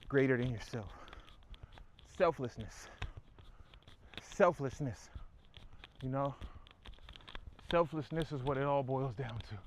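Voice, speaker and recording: A man's voice: mid-range voice, a little hiss or hum. A man talking while working out, rambling and preaching in slangy street talk, winded from exercise. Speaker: fitness vlogger. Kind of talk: workout vlog monologue.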